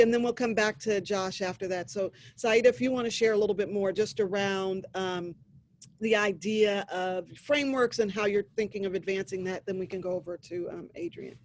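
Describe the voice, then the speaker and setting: A man with a high voice moderates a panel over a video call. He introduces speakers at length in a rambling way.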